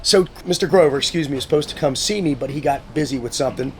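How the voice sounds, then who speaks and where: Animated, swearing man telling stories. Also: on the high side, fast, slight background noise. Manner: swearing, animated storyteller who acts out quotes. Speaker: guest, motivational speaker. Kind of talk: casual storytelling conversation.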